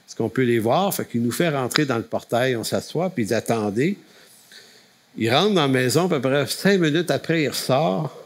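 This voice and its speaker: A man with a Quebec French accent speaks to a camp, telling a faith story in a folksy way. He restarts phrases often, in a voice of middle pitch. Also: brisk, few pauses, breathy edge. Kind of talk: storytelling testimony.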